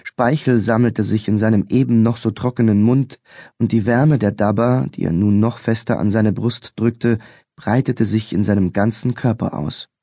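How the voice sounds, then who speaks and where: A man reading a thriller audiobook in a measured, clear storytelling manner. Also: fairly low pitch, fairly even intonation, mellow, dry recording, clean studio sound. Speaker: audiobook narrator. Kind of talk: scripted audiobook narration. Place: recording studio. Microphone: close studio mic.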